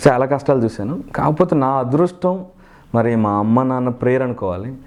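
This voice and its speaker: A young man, a mimicry artist, talking in a casual interview, earnest and lively, now and then breaking into loud high impressions.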